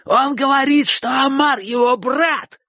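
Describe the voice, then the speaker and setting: A man voicing a hoarse, suspicious boy bully who mocks and shouts. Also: a little high, expressive, a little slow, dry recording, clean studio sound, voice pushed up, heavily acted. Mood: shouting. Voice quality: hoarse, wheezy. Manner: mocking, shouting.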